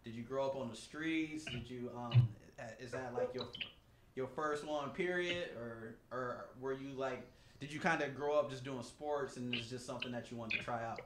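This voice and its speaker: A man's voice: mid-range voice, normal speed. Upbeat man hosting a podcast. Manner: upbeat, repeats himself, many fillers. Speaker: podcast host. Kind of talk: casual interview. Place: small home studio. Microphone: desk mic on a stand. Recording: echoey room with clear background noise.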